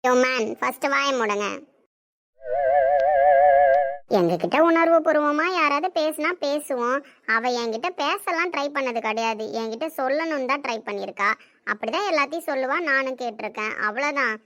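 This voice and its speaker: Woman playing a talking diary, female, caring, protective, high voice, earnest and worried. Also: animated, a little fast, fairly bright tone. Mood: blunt. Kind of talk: audio drama acting.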